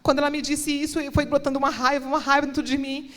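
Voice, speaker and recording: A woman's voice: high-pitched, little pitch movement, quick pace, a bit bright, a little hiss or hum. A woman minister preaching a sermon and giving an impassioned personal testimony, building to emphatic declarations. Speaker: guest minister. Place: church hall. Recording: long church reverb.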